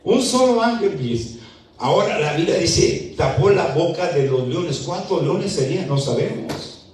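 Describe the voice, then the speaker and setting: A man with a high voice preaches a sermon and leans hard into the scripture he retells, often building up to a shout. He sounds some way from the mic, and the church around him rings with a heavy echo. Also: lively intonation, a little hiss or hum. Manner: rises to shouting when retelling scripture, slow emphatic reading. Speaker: pastor. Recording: echoey church hall, mic at a distance.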